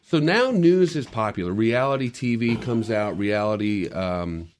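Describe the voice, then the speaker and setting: Podcast guest, man, low voice, explains at length and restarts often. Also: expressive, a little slow. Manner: explanatory, lecturing with frequent restarts. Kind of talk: casual podcast discussion.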